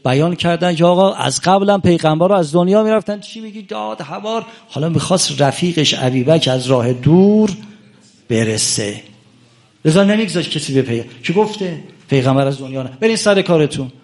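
Gravelly impassioned male preacher. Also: on the high side, expressive. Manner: impassioned, swings between loud exclamations and hushed asides. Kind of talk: religious sermon.

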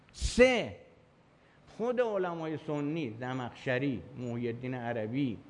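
A man giving a religious lecture, emphatic and argumentative, counting off his points and asking rhetorical questions. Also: fairly high pitch.

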